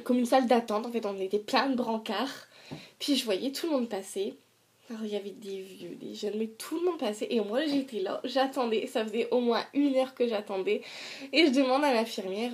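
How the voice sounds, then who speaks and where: A woman's voice: on the high side, a little mellow. A young woman chatting casually to camera as a vlogger, retelling her story in colloquial language with sarcastic asides and acted-out dialogue.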